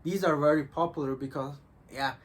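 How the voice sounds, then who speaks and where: In a casual chat about visual novels, a male reviewer talks briskly in a voice on the high side with fairly even intonation. His speech is hesitant and rambling, marked by non-native English phrasing.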